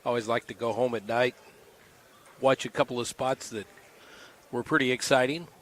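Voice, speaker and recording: Color commentator, male, bright forceful voice, folksy chat, faint gym noise. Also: mid-range voice, steady tone, normal speed, low-quality recording. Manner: chatty, folksy asides.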